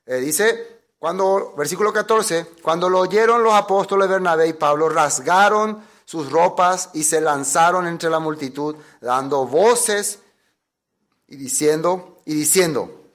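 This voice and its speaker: A man with a high-pitched voice preaches a sermon. He speaks emphatically and keeps asking his congregation questions. He briefly acts out the voices of the people he quotes. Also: unhurried, fairly bright tone. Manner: emphatic, asks the listeners rhetorical questions. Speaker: pastor.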